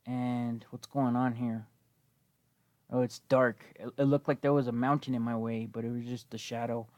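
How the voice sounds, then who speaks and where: A man's voice: medium pitch, level tone, normal speed, a little mellow, dry recording, highs cut off. A man in his twenties giving casual, rambling gameplay commentary, slightly wheezy from a cold, laid-back and given to swearing. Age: 20s. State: coming down with a cold. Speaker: gaming video host.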